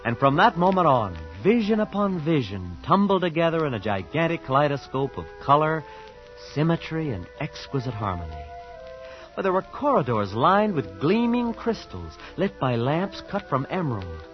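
A man's voice: a little high, very animated, moderate pace. An actor playing a wide-eyed young man from a small town who tells his own story in an earnest, awed, shy way, in an old radio drama. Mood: reflective. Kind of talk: 1940s radio acting with first-person narration. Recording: muffled old radio recording with music behind.

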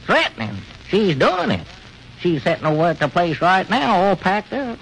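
An actor playing a worried, reluctant old rural storekeeper in 1940s radio comedy, with folksy speech, on an old radio recording. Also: male voice, high-pitched, sing-song, normal speed, creaky, fairly bright tone, a little hiss or hum, heavily acted, poor audio. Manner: folksy, fretful rustic speech.

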